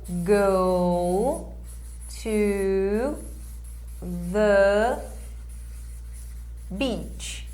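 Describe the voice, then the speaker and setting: A young woman with a Brazilian Portuguese accent, teaching an online English lesson and slowly repeating words for students to drill. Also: mid-range voice.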